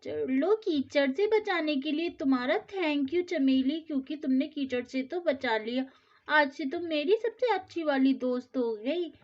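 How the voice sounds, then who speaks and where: Lisping little girl, pleading and whiny, high thin voice, dull lo-fi sound, as a woman voices her. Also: animated, a little slow. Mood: grateful. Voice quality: childlike lisp. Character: little girl Sona, timid, pleading, easily scolded. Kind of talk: storybook doll-play acting.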